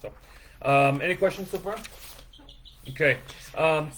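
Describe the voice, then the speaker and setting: A man's voice: fairly high pitch, a little slow, fairly bright tone, a little hiss or hum. A man presenting the season details for his farm in a casual, rambling way, with lots of fillers and self-deprecating asides. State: feeling sick after overeating.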